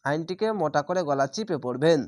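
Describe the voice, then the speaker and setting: A man's voice: a little high, a little fast, darkish tone, no room sound, clean studio sound. A man teaching Quran reading, spelling out each letter and vowel, then chanting the word drawn out. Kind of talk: slow spelled-out tajweed lesson.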